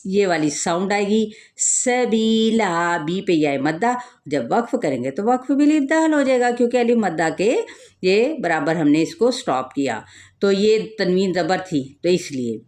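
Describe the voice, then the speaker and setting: A woman teaching a tajweed lesson, explaining each rule and then reciting the words slowly and drawn out, asking and answering her own questions. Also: fairly low pitch, a little mellow.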